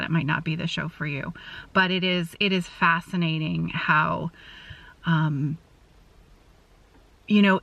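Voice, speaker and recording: A woman's voice: fairly low pitch, a bit bright, dry recording, distant mic. A woman chatting casually with her viewers outdoors as a crafting vlogger, rambling a little and restarting her sentences. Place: outdoors in sunshine.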